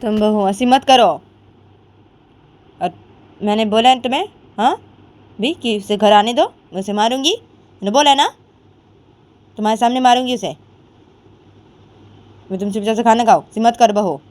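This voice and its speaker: A woman's voice: a little high, expressive, moderate pace, gravelly, warm tone, husky, voice pushed up, full character voice. Woman putting on a stern, bossy mother-in-law. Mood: scolding. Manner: bossy, repeats threats and commands. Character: stern scolding middle-aged mother-in-law.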